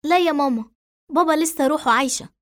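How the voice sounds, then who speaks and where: A woman voicing a stubborn teenage daughter with an Egyptian accent, quick and defensive. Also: high-pitched, fairly bright tone, voice pushed up.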